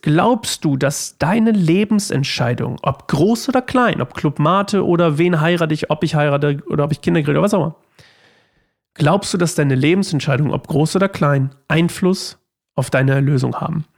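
A man's voice: on the high side, gravelly, darkish tone. A man hosting a daily Bible study show, reading scripture aloud and then talking it through in a rambling, chatty way full of fillers. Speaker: Bible study podcast host. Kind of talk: casual Bible commentary.

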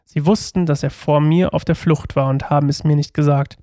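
A man's voice: fairly high pitch, fairly even intonation, a little fast, mellow, no echo, clean studio sound, natural voice. A man reading as an accusing jealous king.

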